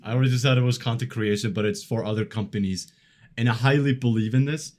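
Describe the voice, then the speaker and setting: A man in his early twenties chatting casually on a live stream, reading chat and laughing often in a relaxed, rambling way. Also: mid-range voice, fast talker. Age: 20s. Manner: laid-back, chuckles often, filler-heavy rambling.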